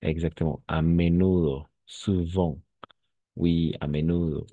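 A man's voice: deep voice, fairly even intonation, slow pace, no room sound, narrow, tinny audio. A male French teacher giving an online class, patiently repeating words and switching into Spanish to explain them.

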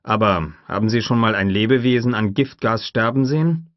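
Steady scientist, firm and matter-of-fact, read by a man, low voice. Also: a little fast, dry recording, muffled recording, close to an everyday voice. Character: steady, determined male scientist. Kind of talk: audiobook character voice.

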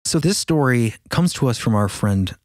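A man's voice: medium pitch, animated, moderate pace, no echo, studio quality. A man co-hosting a podcast, chatting casually and introducing listener stories. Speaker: podcast co-host.

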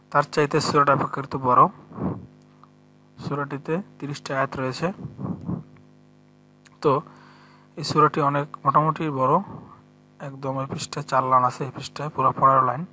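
A man teaching Quran reading step by step, spelling out each letter and vowel mark before slowly chanting the verse. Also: fairly high pitch, flat delivery, pushed and bright, slight background noise. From Bangladesh. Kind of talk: step-by-step recitation lesson.

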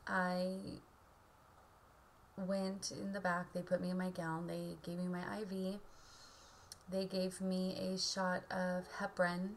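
A woman with a slightly low voice full of vocal fry records a casual video diary. She speaks in a subdued, halting way. Faint noise sits behind her on a home webcam recording. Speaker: vlogger. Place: indoor room at home. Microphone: webcam or laptop mic at arm's length.

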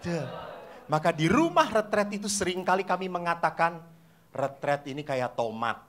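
Lively priest preaching. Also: male voice, a little high, normal speed. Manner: animated storyteller acting out voices and asking the audience questions. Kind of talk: lively sermon to a live congregation.

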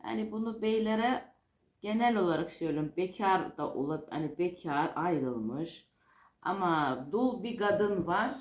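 A woman's voice: lowish voice, lively intonation, unhurried. A woman fortune teller giving an informal, unscripted card reading, explaining hesitantly and repeating herself as she goes. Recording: roomy, echoing home-style recording.

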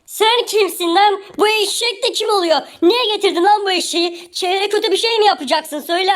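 A woman voicing a rude, suspicious gatekeeper in a Minecraft parody, blunt and quick to threaten. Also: very high voice, fairly bright tone. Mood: hostile.

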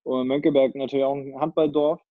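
This fast-talking young man, a handball player from the Kiel area in northern Germany, is a casual interview guest on a video call via earbuds. He thinks aloud with hesitant fillers and restarts. His mid-range voice is flat, and the dry recording has phone-quality sound.

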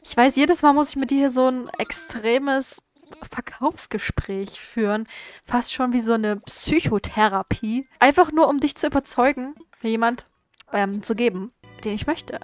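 Woman, chatty gameplay commentary, talks back to game characters, giggles a lot, pitch a touch high. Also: normal speed, no echo. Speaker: gaming YouTuber.

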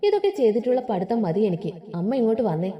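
A woman's voice: on the high side, big pitch swings, fast talker, dull audio. A woman reading a story aloud, voicing a devoted, dutiful teenage schoolgirl who speaks in an earnest, affectionate way.

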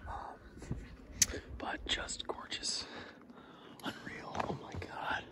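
A man vlogging on a cave tour, whispering in awe with many fillers, his voice echoing through the cave. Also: extremely slow. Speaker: travel vlogger. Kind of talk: hushed on-site cave tour. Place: large cave underground.

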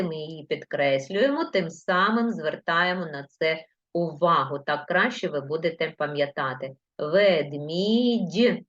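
Woman, primary school teacher, patient slow dictation, low voice, muffled lo-fi stream. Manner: patient, dictating slowly letter by letter. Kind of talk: live online dictation lesson. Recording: lo-fi livestream audio.

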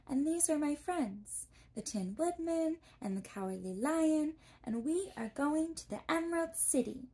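A woman voicing an eager, polite young girl in a softly spoken, whispered role-play storybook reading. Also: high voice, lively intonation, a little slow, few pauses, voice pushed up.

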